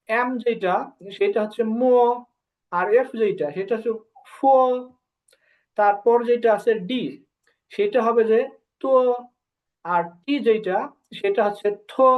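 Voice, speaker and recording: A Bengali-speaking woman teaching a language lesson, often pausing with filler sounds and slowly drilling syllables one by one. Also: a little high. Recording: dull lo-fi recording.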